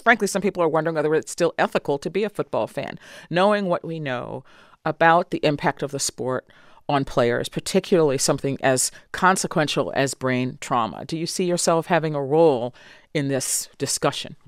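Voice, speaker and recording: A man's voice: a little high, fairly quick, fairly bright tone, dry recording, clean studio sound. A man hosting a broadcast interview, asking questions in a conversational way. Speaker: radio interviewer.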